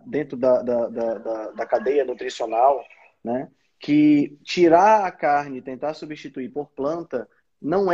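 A man's voice: a little high, darkish tone, breathy edge. A man with a Brazilian accent hosting a casual interview, enthusiastic and often repeating words as he thinks. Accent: Brazilian Portuguese. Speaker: interview host. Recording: dull lo-fi audio.

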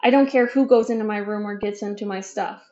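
A woman's voice: mid-range voice, brisk, darkish tone, reverberant, natural voice. A woman reading aloud, voicing a young schoolboy who sounds fed up and pleading. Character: young schoolboy, grumbling then earnest. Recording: dull lo-fi recording.

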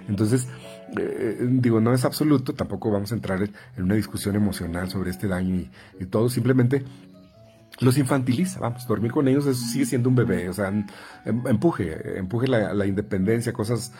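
Low, mellow Mexican man giving advice. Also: normal speed, soft background music. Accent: Mexican Spanish. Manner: conversational, frequent fillers and repeats; acts out quoted parents and children in higher voices. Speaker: speech therapist giving parenting advice. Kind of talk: advice talk to parents, numbered tips.

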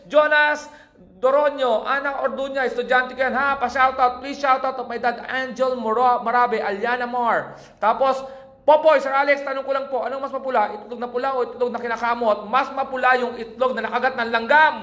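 A man hosting a casual livestream, reading out comments and answering callers, and laughing loudly at his own jokes. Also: very high voice, steady tone, brisk, echoey room. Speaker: livestream host.

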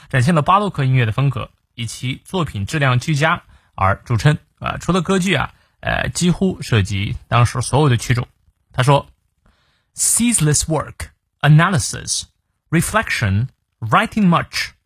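A man teaching English in a lively, swinging voice, with a slightly husky edge. He fills pauses with short fillers and slows right down to read English phrases aloud. The sound is dry and close, with no room around it. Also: medium pitch, dry recording. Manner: lively teaching voice, many fillers, reads English slowly and clearly. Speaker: English teacher hosting a morning reading. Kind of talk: daily English lesson, explaining a quote word by word.

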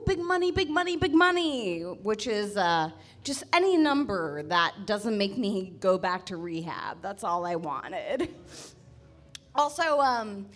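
A young woman in her twenties with a nasal voice, doing a deadpan stand-up set on stage. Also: mid-range voice. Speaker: stand-up comedian.

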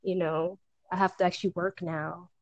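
A woman's voice: lowish voice, level tone, moderate pace, no echo, highs cut off. A young woman in casual chat about starting a podcast, laughing often and filling her talk with "like". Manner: chatty, laughs often, lots of "like". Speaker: aspiring podcaster.

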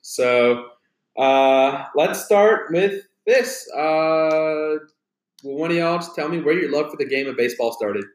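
A man's voice: a little high, lively intonation, slow pace, echoey room, rough recording. A man, hosting a podcast and teasing his friends in casual banter. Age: 20s. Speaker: podcast host.

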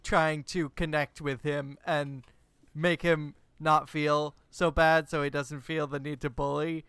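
A man co-hosting a podcast in casual chat, talking haltingly with many pauses and fillers. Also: fairly high pitch, flat delivery, fairly bright tone, clear, resonant tone, dry recording. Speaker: podcast co-host.

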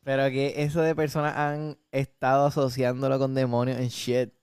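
A playful, teasing man co-hosts a casual film chat and reads out viewer comments. His voice is at a middle pitch, smooth and clear. It is recorded close and dry. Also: little pitch movement, moderate pace, a little mellow, dry recording. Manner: playful, teasing, mixes English words. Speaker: podcast co-host.

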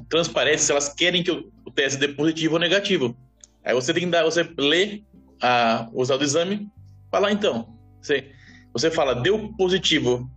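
A man's voice: medium pitch, poor audio. A man, a pharmacist co-hosting a podcast, explaining his work and acting out little examples in casual chat. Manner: animated, acts out examples.

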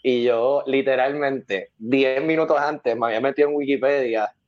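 A man's voice: mid-range voice, fairly even intonation, moderate pace, highs cut off. A man, a weightlifting athlete telling stories in a casual interview, acting out the voices of the people he quotes and laughing often.

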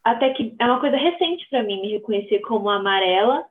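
Speaking fast with lively intonation, this slightly high-voiced woman has a Brazilian accent and appears as a podcast guest who creates social media content. Her informal interview talk is packed with slang and tag questions, heard over thin call-quality audio.

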